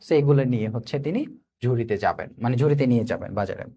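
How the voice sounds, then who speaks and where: A Bangladeshi man teaches an English lesson in a live online class, with a voice of middling pitch. He keeps firing short questions at his students and answers them himself. When he reads the English text he slows right down and takes it word by word. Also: expressive, mellow, breathy edge. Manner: addresses students directly, invites comments.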